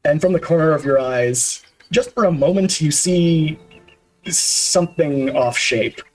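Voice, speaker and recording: A man's voice: a little high, measured pace, soft background music, rough recording. A man narrating scenes as a tabletop game master, descriptive and full of hesitant uhs. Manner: descriptive, with frequent uhs and restarts.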